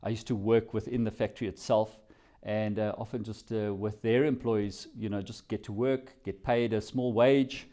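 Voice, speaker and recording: A man's voice: on the low side, steady tone, normal speed, mellow. A South African man answering interview questions, telling his story in a reflective, rambling way. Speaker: company CEO, guest.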